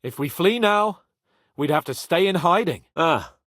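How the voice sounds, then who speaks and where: For medieval video game voice acting, a man plays a brash young British nobleman whose haughty but comradely delivery carries theatrical, teasing flair. His fairly high, bright voice swings widely in pitch with lively intonation at a measured pace, sounding confident and eager. The recording is dry, with no room sound.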